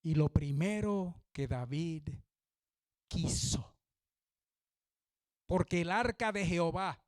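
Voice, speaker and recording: Male pastor, high clear voice, fervent pulpit preaching, dry close sound. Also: dry recording. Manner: fervent preaching, calls listeners "hermano". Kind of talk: sermon.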